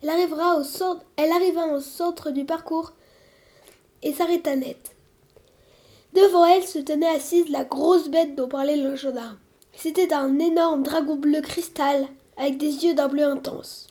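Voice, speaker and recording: A woman reads a children's fairy tale aloud with lively, expressive storytelling. Her voice is high yet warm and mellow. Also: normal speed. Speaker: narrator. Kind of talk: storybook reading.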